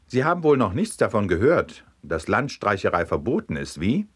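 A man's voice: medium pitch, very animated, normal speed, fairly bright tone, pitched above the performer's own voice. A man voicing a strict, irritable middle-aged judge who blusters and later mocks with false friendliness. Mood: stern.

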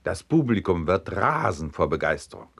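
A man voicing an excitable, greedy male circus director who shouts eagerly in a raised voice. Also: normal speed, gravelly, breathy edge, heavily acted. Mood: excited. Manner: shouting eagerly, high and loud.

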